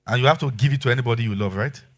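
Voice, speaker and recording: A man preaching a sermon as pastor, animated and emphatic, asking rhetorical questions. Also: mid-range voice, very fast.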